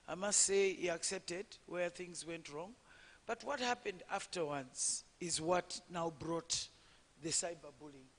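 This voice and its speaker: A Zimbabwean woman politician gives a personal account on a conference panel, her low voice often taken by callers for a man's. She speaks in a measured way, pausing on fillers and restarting sentences, while a long reverb from the hall trails her words.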